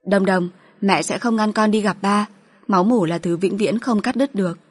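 A woman reading a gentle, firm young mother. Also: medium pitch, moderate pace, breathy edge, lightly acted.

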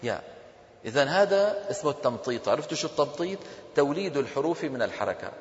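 Teacher in an echoey hall. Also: male voice, medium pitch, sing-song, fast talker. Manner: asks the class questions and answers them himself. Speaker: teacher of Quran recitation. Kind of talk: classroom lesson. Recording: dull echoey hall recording.

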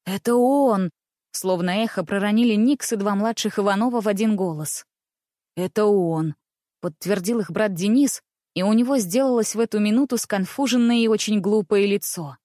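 Woman, audiobook narrator, expressive storytelling, dry close recording, middle pitch. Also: no echo. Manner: expressive storytelling, slowed suspense passages.

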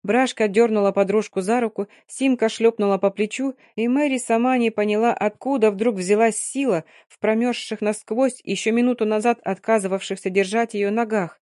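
An audiobook narrator reading prose in a measured, expressive way. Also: medium pitch, no echo, clean studio sound. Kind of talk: scripted narration.

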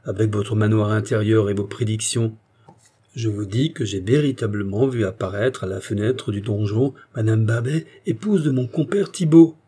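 A man's voice: medium pitch, big pitch swings, moderate pace, hardly any pauses, dark tone, slightly rough, voice pushed up. A man voicing an agitated, stubborn village man who talks in an indignant, emphatic way.

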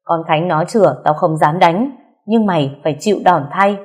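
A woman voicing an angry, stern middle-aged father who shouts and scolds. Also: lowish voice, normal speed, breathy edge. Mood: furious scolding.

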